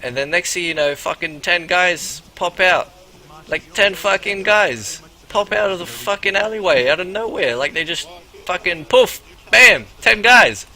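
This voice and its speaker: A man's voice: high-pitched, moderate pace, pushed and bright. A man voicing a boastful, swaggering pimp character in a game role-play, telling a rambling, profane story.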